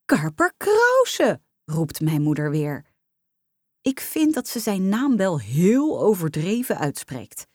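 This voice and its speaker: Woman reading a kids story, lowish voice, really bouncy tone. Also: slow, dry recording, studio quality. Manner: lively first-person storytelling.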